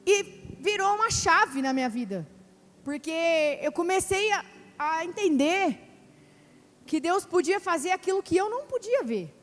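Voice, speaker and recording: A woman's voice: very high voice, animated, unhurried. A middle-aged woman preacher giving a fervent testimony sermon to her congregation, repeating phrases for emphasis. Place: church hall. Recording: church hall reverb with soft music.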